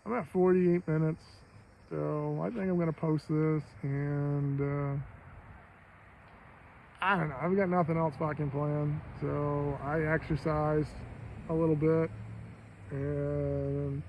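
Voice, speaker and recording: Gravelly American man rambling on a livestream. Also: on the high side, fairly even intonation. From Maine, United States. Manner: profane, digressive, halting. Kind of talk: rambling casual monologue to viewers. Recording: dull lo-fi audio, faint vehicle-like noise.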